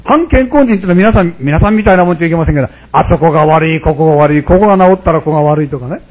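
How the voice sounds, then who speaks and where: A Buddhist priest in his sixties gives a chatty, humorous sermon, speaking quietly and often turning to the congregation directly. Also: a little high, very fast. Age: 60s.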